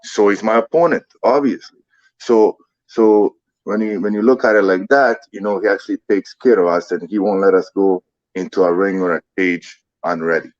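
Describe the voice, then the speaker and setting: An MMA fighter in his thirties with a foreign accent talks casually as a guest in an interview in Ottawa, laid-back and swearing often. His voice is fairly low and moderately paced, recorded with no room sound and the highs cut off.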